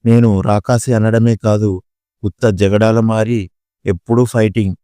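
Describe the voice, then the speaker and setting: A man voicing a hot-tempered young husband who hurls insults slowly and emphatically while reading the story. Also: fairly low pitch, fairly even intonation, mellow, smooth, no room sound, clean studio sound, close to an everyday voice. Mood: angry.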